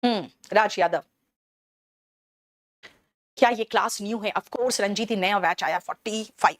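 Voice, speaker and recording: A woman from Bihar teaching English words in a live online class, briskly and in a motherly way, switching to English terms and answering students' questions as she goes. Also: mid-range voice, no echo, studio quality. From Bihar, India. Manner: explains English words in Hindi, switching between the two.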